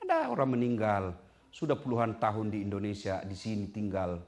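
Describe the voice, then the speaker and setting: A man preaching a lively sermon to a congregation. He asks the listeners direct questions and swings between low, hushed storytelling and high, loud punchlines. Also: a little fast. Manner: addresses the audience directly with questions. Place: community gathering hall.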